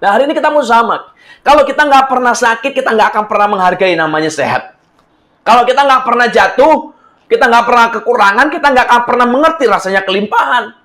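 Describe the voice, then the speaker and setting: A man's voice: extremely high pitch, expressive, quick pace, pushed and bright. A man pastor preaching a sermon in a conversational way, talking straight to his congregation and slipping in English phrases.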